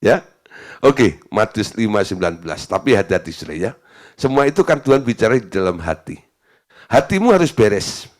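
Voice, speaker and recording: A man's voice: on the low side, big pitch swings, brisk. A male pastor giving a sermon in a chatty, storytelling way, laughing now and then. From Indonesia.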